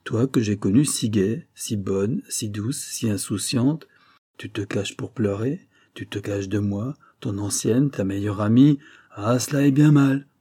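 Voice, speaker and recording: A man's voice: fairly low pitch, measured pace, dark tone, slightly rough. A man reading the part of a confident young married woman who scolds and questions her cousin insistently. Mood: chiding.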